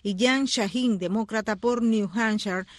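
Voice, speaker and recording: A female radio anchor reads the news. The sound is dry and close, and her voice has an average pitch. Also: a little slow, no room sound. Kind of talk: scripted news reading with brief handovers.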